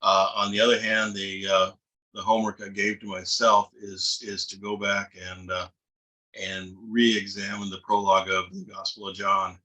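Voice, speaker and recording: A man taking part in a casual seminar discussion over a video call, speaking haltingly with frequent pauses and fillers. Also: lowish voice, level tone, bright, forceful tone, poor audio. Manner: halting, hesitant, frequent uhs. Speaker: seminar participant.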